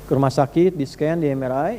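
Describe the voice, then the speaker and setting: Male preacher, high mellow voice, emphatic sermon delivery, faint background hum. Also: quick pace, big-room sound. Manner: emphatic, swings high and low, asks the audience questions. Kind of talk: Islamic sermon.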